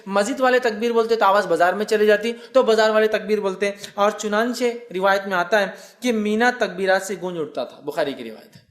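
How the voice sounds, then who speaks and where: A man giving a religious lecture as a preacher. He explains step by step, recites Arabic phrases and asks the listeners rhetorical questions. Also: high-pitched. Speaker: Islamic preacher.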